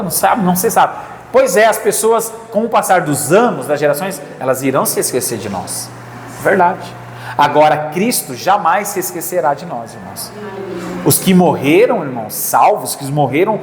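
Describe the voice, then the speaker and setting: A man's voice: on the high side, slight background noise. A man with a Brazilian accent preaching a sermon in an earnest way, often repeating key phrases and calling out to the congregation. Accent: Brazilian Portuguese. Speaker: pastor. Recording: echoey hall with faint ambience.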